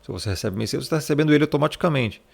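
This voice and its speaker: A man's voice: mid-range voice, animated, rapid-fire, creaky. A man explaining scripture in a casual Bible study, talking conversationally and checking in with his listener as a brother. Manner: conversational, peppered with tag questions, addresses listener as brother. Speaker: Bible teacher.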